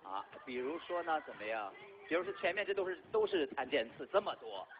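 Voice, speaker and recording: A man's voice: on the high side, big pitch swings, brisk, highs cut off, noisy background. A young man hosting a live concert chat, teasing the guest and laughing as he moves the show along. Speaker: concert host. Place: concert stage.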